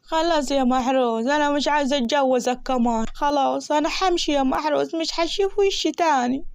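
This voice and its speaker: A woman's voice: sits high, quick pace, no room sound, clean studio sound. A woman with an Egyptian accent voicing a naive, lovestruck village girl who pleads and whines. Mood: pleading. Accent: Egyptian Arabic.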